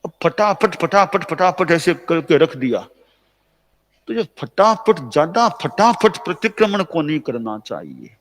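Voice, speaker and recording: A man's voice: fairly high pitch, sing-song. Indian man preaching in a reverberant hall. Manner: conversational, repetitive, gently instructive; slow measured chanting of recited verses. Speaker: Jain spiritual teacher. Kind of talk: sermon. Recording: long reverb of a large hall.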